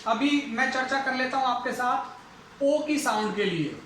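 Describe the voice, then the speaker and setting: A male teacher from India giving a phonetics lesson, slowly repeating and drawing out example words. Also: extremely high pitch, animated, fairly bright tone. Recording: very echoey room, faint noise.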